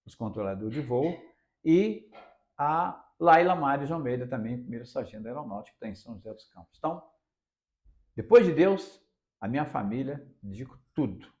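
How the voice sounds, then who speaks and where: A man's voice: mid-range voice, expressive, a little fast, a little mellow, lo-fi sound. A man, a radio reporter from Minas Gerais, telling stories in an interview with emphatic, repeated phrases and a Minas Gerais accent. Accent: Brazilian Portuguese, Minas Gerais. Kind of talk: casual interview storytelling.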